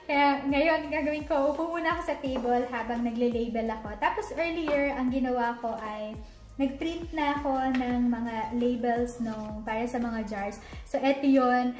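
A woman's voice: on the high side, normal speed, a little mellow, soft background music. A woman in her thirties chatting casually at home while showing how she organizes her kitchen, slipping English words into her talk with plenty of fillers. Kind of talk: casual home vlog narration. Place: home dining area, indoors.

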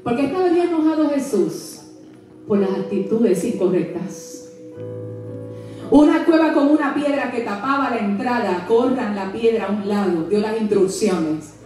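High-voiced woman preaching in an echoey church. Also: measured pace. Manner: lively, humorous, asks the congregation questions. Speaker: pastor. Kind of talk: sermon. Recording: echoey church from far off, music behind.

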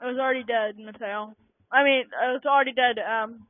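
A young-sounding gaming channel host giving casual, rambling let's-play commentary with many fillers, recorded on a cheap low-quality microphone. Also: fairly even intonation, a little fast, dry recording. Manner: rambling, self-conscious, lots of fillers. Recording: tinny lo-fi cheap mic.

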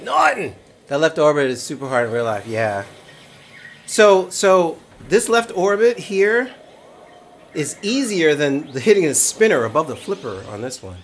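A Brooklyn, New York man with a fairly high, sing-song voice streams a pinball game live, unhurried and a little tipsy from cider. He jokes, laughs a lot, and calls out to viewers over faint game music and slight background noise.

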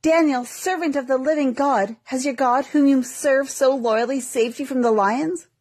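A woman voicing an anxious ancient king in a read-aloud story, her voice a little husky. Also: mid-range voice, lively intonation, a little slow, a little mellow, full character voice. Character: anxious ancient male king, devoted ruler.

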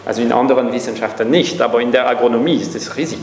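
An older man, a guest speaker, answers a question on a panel, animated and gesturing widely as he thinks aloud with many fillers. His medium-pitched voice comes out rapid-fire. The hall is echoey, with a faint hum.

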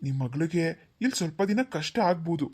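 A woman's voice: deep voice, lively intonation, quick pace, a little mellow, breathy edge. A woman voicing a proud, hardworking young husband in a cartoon, speaking earnestly and pleading politely. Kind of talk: cartoon voice acting.

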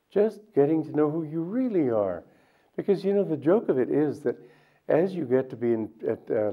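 An older man giving a gentle, reflective spiritual talk, musing aloud and often saying "you know", seated in a studio before a microphone. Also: mid-range voice. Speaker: spiritual teacher. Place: indoor studio set. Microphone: microphone on a stand in front. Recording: tinny narrow-band sound.

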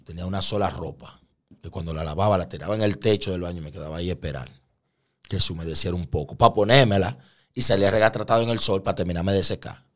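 Man, low voice, interview guest, conversion testimony, vivid storytelling, acts out quoted voices. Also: fast.

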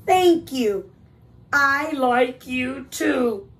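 Lady doing the polar bear from a picture book, soft and slow, grumpy but sweet. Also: sits high, lively intonation, creaky, full character voice. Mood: touched.

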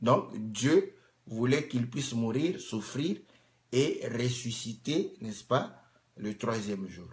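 A man preaching a sermon, rising to loud emphatic peaks, acting out cries of pain and asking the congregation rhetorical questions. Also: medium pitch, expressive, slow. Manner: acts out cries of pain to make a point; asks the audience rhetorical questions.

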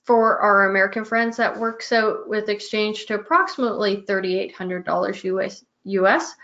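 A woman, a little hoarse, presenting travel tours and reading through itineraries and prices in a steady, listing way. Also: medium pitch. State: hoarse, losing her voice. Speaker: travel club tour presenter. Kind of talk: presenting tour details. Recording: muffled lo-fi recording.

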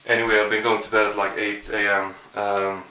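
Speaking brisk and level, this young adult from Sweden has a lowish, pushed, bright voice. He's filming a rambling, self-deprecating vlog in his small apartment on a handheld camera held at arm's length. The low-quality recording carries slight background noise.

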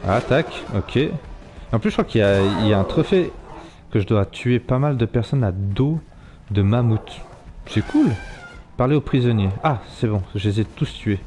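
Low-voiced man commentating a game. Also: lively intonation, moderate pace, a little mellow. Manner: chatty, swearing, talks to his animals. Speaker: let's play streamer. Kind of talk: live gameplay commentary.

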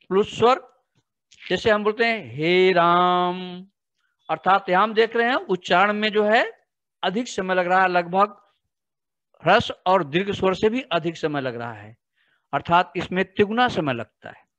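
A teacher giving a grammar lesson to children, explaining slowly and deliberately and often speaking to the class directly. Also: medium pitch, a bit bright, no room sound. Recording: dull, slightly lo-fi, dry recording.

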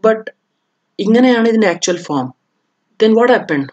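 Slow, patient teacher. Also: male voice, high voice, animated, dull audio. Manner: explains step by step, many fillers and self-corrections. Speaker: Arabic grammar teacher. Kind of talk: lesson mixing two languages.

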